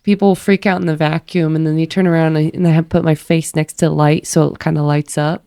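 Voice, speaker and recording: A woman's voice: sits low, little pitch movement, fairly quick, dark tone, no echo, studio quality. A woman, a haunted-attraction actor and podcast guest, casually telling stories about scaring visitors with a laugh.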